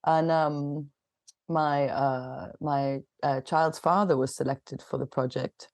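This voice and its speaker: Woman guest in her forties from Kenya, mellow low voice, loose chatty delivery with restarts. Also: fairly even intonation, slow, no echo. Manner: chatty, laughs often, many fillers and restarts. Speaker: guest artist. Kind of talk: casual interview.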